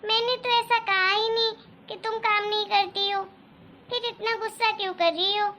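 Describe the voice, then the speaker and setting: A woman voicing a gentle, motherly mother-in-law who frets softly in a cartoon story. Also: very high voice, fairly even intonation, moderate pace, a little hiss or hum. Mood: scolding. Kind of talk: Hindi cartoon story dialogue.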